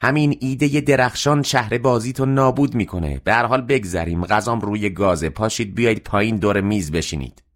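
Man putting on a shrill scolding mother. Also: hardly any pauses, natural voice. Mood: curt. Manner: scolding, exasperated. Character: harsh scolding mother, middle-aged woman, shrill.

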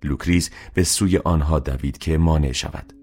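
A man reading a novel aloud as an audiobook narrator, in a steady, measured way. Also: very deep voice, slightly rough. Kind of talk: scripted narration.

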